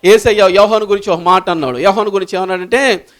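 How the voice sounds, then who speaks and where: A high-pitched man preaches to his church congregation. He surges into loud, fervent calls for praise, then sinks into low, rapid asides. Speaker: pastor. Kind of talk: sermon.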